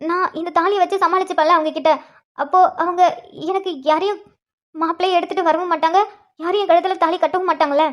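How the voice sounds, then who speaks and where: A frightened, stubborn young woman who begs and insists to get her way. Her voice sits very high, almost girlish. It is a cartoon love story. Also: steady tone, quick pace, a bit bright. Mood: pleading. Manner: pleading, insistent. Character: young woman, anxious, clingy, stubborn bride-to-be. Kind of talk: cartoon voice acting.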